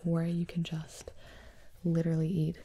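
A young woman in a whispered role-play as a calm, attentive doctor, speaking in a soft, breathy whisper with a gentle, reassuring manner. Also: low-pitched, moderate pace, a little hiss or hum. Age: young adult. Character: calm, attentive female doctor examining a patient. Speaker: ASMR performer playing a doctor.

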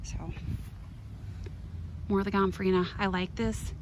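A Minnesota woman who vlogs about gardening walks viewers through her garden outdoors, chatting loosely and breaking into exclamatory asides. Her mid-range voice holds a level tone at a measured pace. Clear outdoor ambient noise fills the noisy handheld recording.

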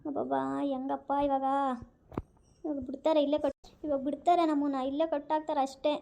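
A woman's voice: high voice, level tone, a little fast, gravelly, mellow, slight background noise. A woman playing a panicked young girl who can't pay the bill, pleading and fretful, in a comic skit. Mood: worried.

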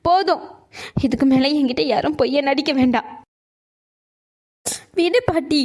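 A woman's voice: high voice, measured pace, a little mellow. A hurt young cartoon mother. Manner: wounded, reproachful outbursts. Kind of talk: cartoon voice acting.

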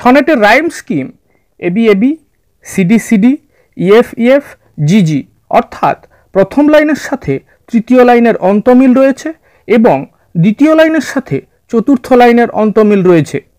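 A man narrating a scripted literature lesson in a measured, orderly way, addressing his students. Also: very high-pitched, very animated, darkish tone, no room sound. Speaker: literature teacher. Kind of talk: scripted explanatory lecture narration.

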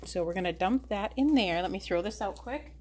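A woman's voice: mid-range voice, lively intonation, fairly quick. Woman talking thru a recipe at home, chatty, camera on a tripod, noisy kitchen. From United States. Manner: chatty, talks while working in the kitchen. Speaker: cooking video host. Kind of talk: casual cooking demonstration.

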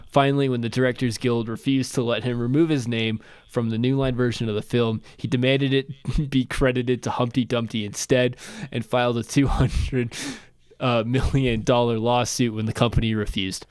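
Man, podcast co-host, mid pitch, smooth clear voice, dry close sound, hesitant, sarcastic. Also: flat delivery, normal speed, a little mellow, no echo. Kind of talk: casual film discussion, reading aloud.

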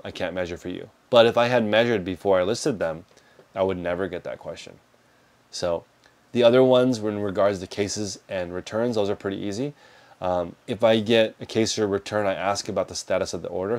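A low-voiced American man hosts a casual livestream Q&A for his reselling business, answering viewer questions in a practical, conversational way and gesturing with his hands as he talks. He's recorded on a clip-on lapel mic in an indoor storage room lined with shelves of boxes.

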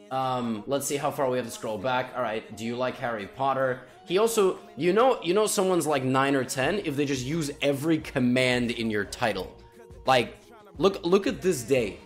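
A man chats loosely with his stream viewers, stopping and restarting his sentences as he goes. His voice sits at an ordinary middle pitch, and he comes across as easygoing. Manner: rambling, full of restarts and asides. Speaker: chess streamer. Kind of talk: casual stream chat.

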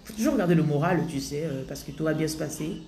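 A woman talking casually on a phone live stream as a spiritual coach, in a relaxed, rambling way with many fillers. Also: deep voice, quick pace. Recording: echoey room, faint noise.

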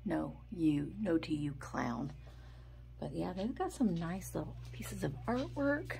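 A middle-aged woman vlogging as she browses an antique mall, chatty and excitable, often dropping into a half-whisper. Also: on the low side, a little slow, vocal fry. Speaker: vintage shopping vlogger. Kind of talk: shop-with-me vlog narration. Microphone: handheld phone camera.

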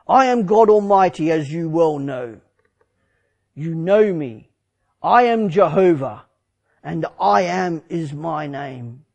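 God speaks in slow, solemn declarations, with a gravelly edge and a rise and fall to the voice, as a man puts him on. The lines are measured and reassuring, spoken within a dramatic monologue sermon. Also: high-pitched, darkish tone, heavily acted.

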